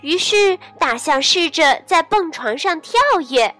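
A woman telling a bedtime story to children in a gentle, sing-song, soothing manner. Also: very high voice, animated, measured pace. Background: soft background music.

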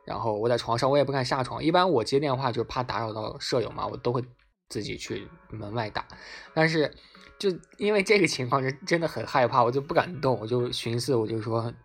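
Fast-talking husky man telling a story. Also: medium pitch, soft background music. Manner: excitable, repeats words for emphasis. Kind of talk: casual spoken storytelling.

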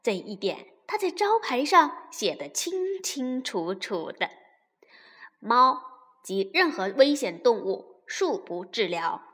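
A woman slowly reading a children's story aloud, expressive and at times dropping to a whisper. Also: on the high side. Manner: slow, expressive, sometimes whispering. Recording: long reverb.

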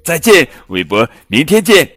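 A man's voice: deep voice, animated, moderate pace, fairly bright tone, no echo, soft background music. A man voicing a cheerful joking male elephant, raising his voice somewhat above his own in a children's storybook reading.

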